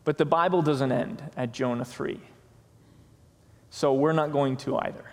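A man preaching a sermon as pastor, slow and deliberate, pausing for emphasis on key words. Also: mid-range voice, steady tone, a little mellow. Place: church sanctuary. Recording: long reverb of a church hall.

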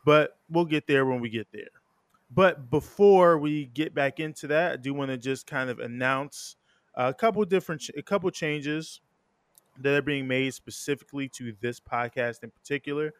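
A man's voice: mid-range voice, fairly bright tone, clear, resonant tone, no room sound. A male podcast host speaks in a middle register with very little room sound. His delivery is casual and conversational. He rambles a little and rephrases himself as he introduces things. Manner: informal, rambling, self-correcting.

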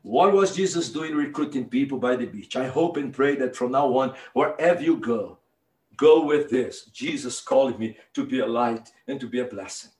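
A man's voice: mid-range voice, moderate pace, echoey room. A man from Brazil with a Brazilian Portuguese accent and Portuguese as his first language, preaching a sermon emphatically and speaking straight to his listeners. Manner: emphatic, building to impassioned shouts, direct address to listeners. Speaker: pastor.

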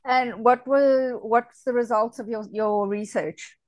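A woman hosting an interview, reading a scripted introduction and asking questions in a clear, measured way. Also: on the high side, fairly even intonation, dry recording. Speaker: podcast host.

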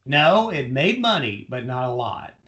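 Brief: male podcast co-host, mid pitch, dry teasing delivery, trivia quizmaster. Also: big pitch swings, a little slow, a bit bright, muffled recording. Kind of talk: casual film-review chat.

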